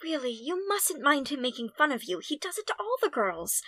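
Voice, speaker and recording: Very high lilting little schoolgirl voice, sweet loyal friend, earnest, period radio play. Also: sing-song, fairly quick, pushed and bright, no echo, full character voice. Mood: earnest, pleading. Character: gentle, loyal young schoolgirl best friend. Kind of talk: period audio drama acting.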